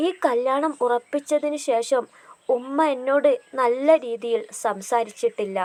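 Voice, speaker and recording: A woman's voice: fairly high pitch, a little mellow, close to an everyday voice, poor audio. A woman voicing a young man on his wedding day, scornful at first and later tearful and pleading. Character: grieving young groom, bitter yet tearful.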